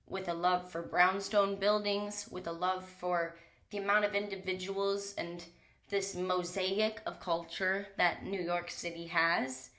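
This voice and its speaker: A bit bright and mid-range, a young woman's voice carries her solo podcast monologue. She records in a small closet on a mic, her voice a touch stuffy from a cold, and talks casually and candidly with some swearing.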